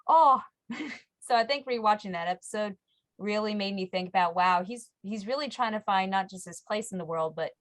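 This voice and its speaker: A woman guest in a casual roundtable chat, lively, acting out little quotes as she talks. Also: mid-range voice, dry recording. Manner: lively, acts out quotes and laughs. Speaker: podcast guest.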